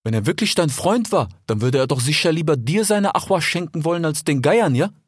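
Man doing a husky, sing-song desert fox hustler, buddy-buddy and persuasive; lively up-and-down delivery. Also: a little high, brisk, no echo, clean studio sound. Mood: coaxing. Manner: chatty, keeps tagging "ja?" and "ich schwör". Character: smooth-talking male desert fox, chummy and persuasive. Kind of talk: audiobook character voice.

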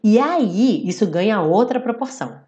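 A woman teaching English in a live online class. She explains grammar patiently, checks in with her viewers often, and reads song lyrics slowly and deliberately. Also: medium pitch, animated, mellow. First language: Portuguese. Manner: explanatory, checks in with "certo?" and "tá bem?". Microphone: computer setup with phone beside.

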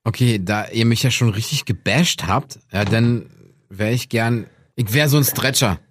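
A man's voice: mid-range voice, moderate pace, no room sound, clean studio sound. A man co-hosting a casual podcast, playful and jokey. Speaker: podcast co-host. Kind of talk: casual chat.

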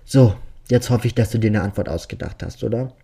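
Man doing a sneering young killer, low voice, impatient and taunting. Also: brisk, gravelly, mellow, slightly rough. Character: vengeful young man, cold and mocking.

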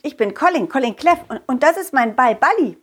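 A woman's voice: high-pitched, lively intonation, fairly quick. Woman doing an eager, wondering young boy. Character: curious, friendly young boy.

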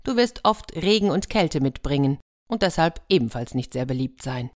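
A woman's voice: low-pitched, expressive, moderate pace, darkish tone. A woman voicing an old mother star who fusses over her children and scolds them. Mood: scolding. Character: old mother star, caring then stern.

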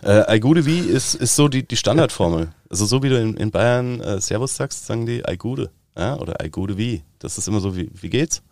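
A man from Upper Bavaria with a Bavarian accent, an actor chatting as an interview guest and telling lively anecdotes with quick dialect impressions. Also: lowish voice, no echo, clean studio sound. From Upper Bavaria, Germany. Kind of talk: casual interview chat.

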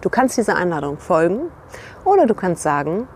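A woman's voice: fairly low pitch, sing-song, a little fast, darkish tone, slight background noise. A woman giving a motivational talk to camera outdoors by a river, speaking reflectively to the viewer as a leadership coach and checking in with short tag questions.

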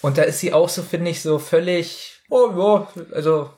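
A man's voice: on the high side, normal speed, darkish tone. A man co-hosting a podcast, talking casually and critically, sometimes hesitant. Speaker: podcast co-host. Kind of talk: casual chat reviewing a radio play.

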